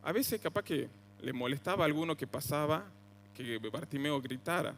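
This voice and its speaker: Argentine preacher with a high voice. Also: male voice, lively intonation, moderate pace, a bit bright, big-room sound, a little hiss or hum. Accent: Argentine Spanish (voseo). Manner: conversational preaching, rises sharply on quoted cries. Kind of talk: sermon. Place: church hall.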